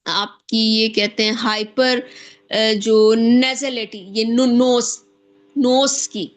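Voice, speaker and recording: Brief: woman lecturer, slow and halting, restarts words, slightly high voice. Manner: halting, repeats and corrects terms, mixes English terms in. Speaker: lecturer on speech disorders. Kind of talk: online lecture.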